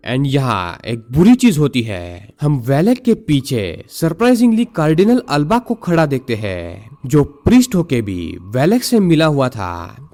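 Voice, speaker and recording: A man narrates a film's plot with a slightly high voice that rises and falls a lot. His delivery is animated storytelling, peppered with English words. He sounds like a channel host walking viewers through a movie. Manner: lively storytelling, mixing English words into Hindi.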